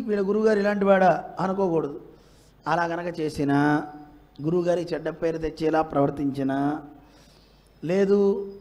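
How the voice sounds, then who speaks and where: A man giving a devotional discourse, chanting verses slowly and asking the audience rhetorical questions with emphasis. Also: on the high side, a little mellow. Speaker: religious teacher.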